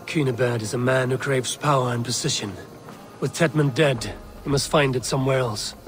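An actor playing a proud, wary Viking warrior in a video game, stern and brooding, with formal archaic phrasing. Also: male voice, medium pitch, fairly even intonation, normal speed, soft background music, natural voice. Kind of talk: video game dramatic acting.

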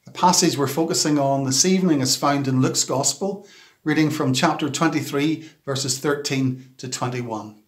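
A man giving a scripted devotional reflection and reading scripture in a measured, solemn way. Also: mid-range voice. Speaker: church minister.

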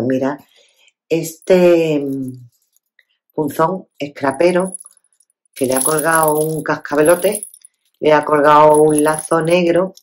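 A woman from Spain chatting casually as she unboxes craft gifts on her scrapbooking channel, exclaiming often and checking in with her viewers. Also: low voice. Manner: chatty, exclaiming, lots of tag questions.

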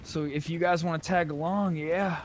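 A man with a fairly high voice and fairly even intonation chats casually at normal speed while guiding other players in an online roleplay game. Faint keyboard clicks and game sounds can be heard in the background.

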